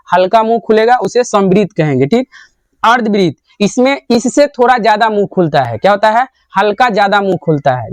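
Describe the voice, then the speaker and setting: A male Hindi grammar teacher with a high voice drills answers during a classroom lecture, asking a question, then answering and repeating it. There's no room sound.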